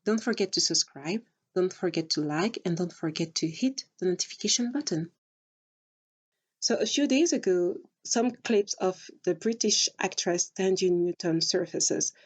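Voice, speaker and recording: A woman's voice: lowish voice, normal speed, slightly rough. A woman hosting her own commentary channel, talking through a news story and asking pointed rhetorical questions in disbelief. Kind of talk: opinion commentary to camera.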